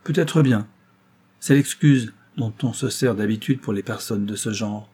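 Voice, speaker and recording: A man reading the part of a frank, impulsive young woman who speaks in a lively, indignant way. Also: fairly low pitch, unhurried, husky.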